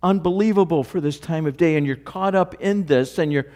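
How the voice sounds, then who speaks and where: A man preaching a sermon, dramatic in his delivery and dropping to a near hush at key moments. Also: on the high side, a little fast. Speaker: pastor.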